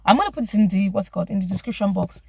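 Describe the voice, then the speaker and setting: A woman with a Nigerian accent telling a story-time vlog, animated and emphatic, with exclamations and many restarts. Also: medium pitch, rapid-fire, gravelly, slightly rough, no room sound. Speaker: vlogger.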